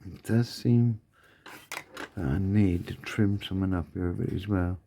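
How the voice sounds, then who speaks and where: A man narrates his model build in a casual, muttering way, half talking to himself as he works. His voice sits a little low and sounds warm and mellow rather than bright. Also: steady tone, normal speed, vocal fry, slight background noise. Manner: mumbling, thinking aloud to himself. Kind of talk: casual workbench commentary.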